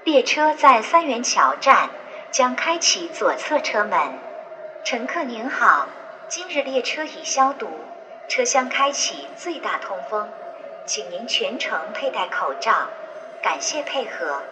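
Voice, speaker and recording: Woman, formal train announcer, dull subway announcement, varied intonation, clear background noise. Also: on the high side, sing-song, unhurried. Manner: formal passenger-information delivery. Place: inside an airport express train. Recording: dull noisy train public address. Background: train ambience and clear noise.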